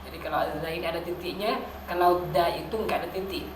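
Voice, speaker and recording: A woman teaching Quran letter pronunciation, rushing through explanations and sounding out drill words slowly. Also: on the low side, fairly even intonation. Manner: explains quickly, then pronounces drill words slowly and loudly. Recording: echoey room with faint noise.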